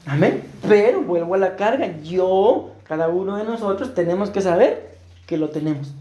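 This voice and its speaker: Costa Rican male pastor, mellow tone, preaching with roomy church echo. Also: sits high, lively intonation, moderate pace, lo-fi sound. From Costa Rica. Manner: earnest, asks the congregation rhetorical questions. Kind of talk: sermon. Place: church hall.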